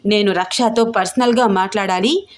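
A woman's voice: medium pitch, normal speed, lightly acted. A woman voicing a young man who pleads with his beloved, in an audio story reading. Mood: insistent. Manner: pleading, insistent.

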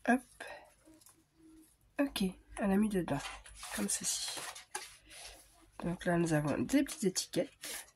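A woman vlogging casually as she unpacks scrapbooking supplies, thinking aloud with frequent hesitations and quiet murmured asides. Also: on the low side, sing-song, unhurried, long pauses, a little hiss or hum. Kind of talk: casual unboxing chat.

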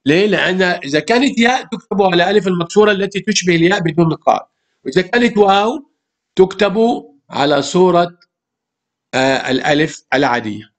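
A man with an Egyptian Arabic accent teaches a primary school language lesson, explaining grammar to the class. His voice is high, expressive and fast as he patiently repeats words and poses rhetorical questions.

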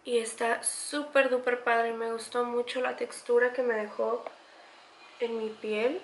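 A woman's voice: on the high side, sharp tone, echoey room. A pregnant young woman walks through a makeup tutorial, chatty and enthusiastic, repeating words for emphasis. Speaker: beauty vlogger.

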